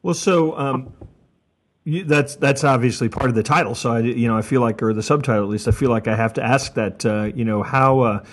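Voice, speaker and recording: A man's voice: medium pitch, a little fast. A man hosting a podcast interview, chatting casually, laughing often and stumbling over his words. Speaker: podcast host.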